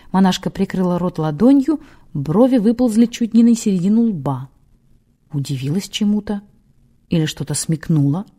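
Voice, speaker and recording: Woman, audiobook narration, measured storytelling, mellow dark tone. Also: medium pitch.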